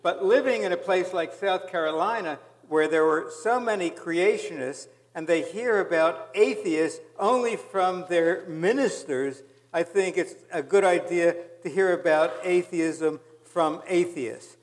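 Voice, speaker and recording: A male host questions his guest on stage in a friendly, conversational way. His voice sits notably high for a man. A long hall reverb trails behind him. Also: measured pace, few pauses. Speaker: event host. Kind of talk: onstage interviewing. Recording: hall reverb from live event.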